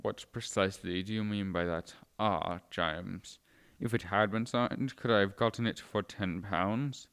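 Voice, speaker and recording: A man's voice: on the low side, unhurried, fairly bright tone, clean tone, no room sound. A man playing a stern, touchy Edwardian clergyman and father in an amateur period drama, pompous and formal. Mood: smug, touchy.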